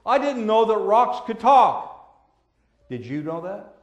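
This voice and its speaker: A man preaching a children's sermon as a pastor, gentle and patient like a Sunday school teacher, using simple words and questions. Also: high voice, sing-song, slow. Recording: echoey room.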